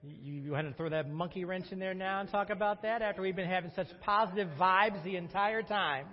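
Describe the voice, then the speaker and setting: Leading the Bible study in a high, brisk voice, he keeps things lively and conversational, putting questions to the class. The recording sounds dull, with a long reverb from the room.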